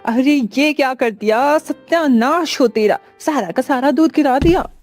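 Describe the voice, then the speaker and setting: A woman's voice: fairly high pitch, moderate pace, mellow, husky, soft background music. A woman playing a spiteful village aunt. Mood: scolding. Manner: scolding, taunting.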